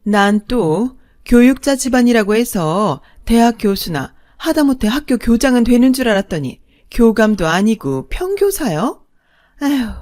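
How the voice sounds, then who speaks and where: A woman voicing a snobbish, scheming stepmother-in-law who talks in a shrill, condescending way. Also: darkish tone, no room sound, studio quality.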